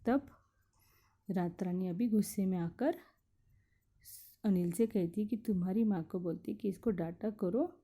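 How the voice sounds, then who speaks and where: A woman's voice: mid-range voice, a little slow, long pauses, mellow. A woman school teacher explaining a Hindi play to her class, reading lines aloud and then retelling them in plain words.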